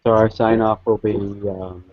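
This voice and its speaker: A man's voice: lowish voice, flat delivery, unhurried. Chill podcast guy, um-ing a lot, muffled lo-fi sound. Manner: laid-back, hesitant, lots of fillers. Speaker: podcast co-host. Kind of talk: casual podcast banter. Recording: dull lo-fi podcast audio.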